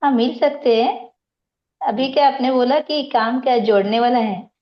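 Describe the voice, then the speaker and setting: A woman taking part in a live online training, role-playing a casual phone call with hesitant pauses. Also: high voice. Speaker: training participant. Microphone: video call. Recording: dull video call audio.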